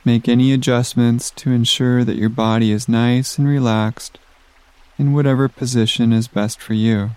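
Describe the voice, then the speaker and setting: A man guiding a sleep meditation in a soft, soothing voice with long pauses, recorded close on the mic. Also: medium pitch, flat delivery, clear, resonant tone, dry recording. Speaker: meditation guide.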